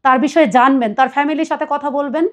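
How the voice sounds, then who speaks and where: Woman, high voice, earnest, pleading tone, personal confession. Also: fast talker. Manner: earnest, pleading, quotes others at length. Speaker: guest telling her life story.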